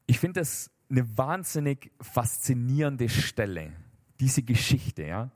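A man preaching to a congregation, his tone lively and colloquial, talking straight to the room. He reads from a projected text at times and keeps the talk plain and direct. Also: medium pitch, slow pace. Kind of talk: sermon with scripture reading. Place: church hall with a projector.

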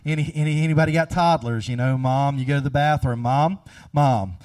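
A man in his thirties preaching a sermon, conversational and humorous, acting out little scenes and slowing down to stress key phrases. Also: on the high side, steady tone, darkish tone, clean tone. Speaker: pastor.

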